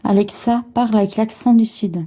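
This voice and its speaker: A woman gives a smart speaker short, deliberate spoken commands. Her voice sits a little high and sounds soft and mellow. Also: little pitch movement. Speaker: video host testing a smart speaker.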